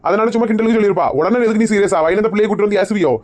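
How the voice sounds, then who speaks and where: Woman playing a bossy tour organiser, Kanyakumari Tamil accent, scolding, talks extremely fast. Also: mid-range voice, darkish tone, lightly acted. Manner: rapid-fire scolding.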